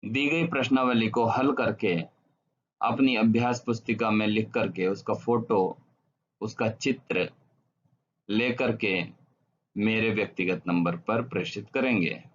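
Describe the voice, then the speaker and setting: A man teaching a Sanskrit grammar lesson online, reciting verb forms in a slow, measured way. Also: lowish voice, lo-fi sound, a little hiss or hum.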